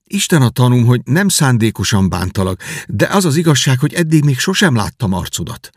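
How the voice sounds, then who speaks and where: A man's voice: mid-range voice, big pitch swings, slightly rough, no echo, studio quality. A man voicing a proud, stubborn young boy prince who speaks with haughty dignity. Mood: gentle.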